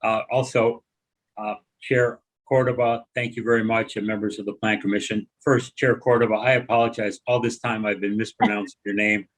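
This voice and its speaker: A man's voice: fairly low pitch, level tone, moderate pace, rough recording. A man presenting as attorney for an applicant on a video call, polite, with frequent fillers. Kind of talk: formal presentation.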